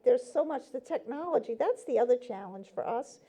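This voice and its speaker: A nonprofit guest on a talk show chats casually with the host, explaining things earnestly and filling her speech with "um" and "you know." Her voice sits a little high and sounds expressive, with a dark tone and a moderate pace.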